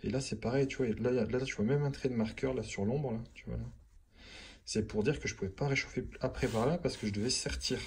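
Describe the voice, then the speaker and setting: A man with an ordinary mid-range voice talks a viewer through a plumbing job in relaxed, slangy speech, over and over asking whether they can see. He is recorded on a phone held in his hand at an indoor building site. Clear job-site noise and clicks run under his voice. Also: mid-range voice, fast talker. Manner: chatty and informal, keeps saying "tu vois" to the viewer. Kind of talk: casual on-the-job how-to. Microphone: phone held in hand while working. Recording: noisy handheld phone recording on a work site.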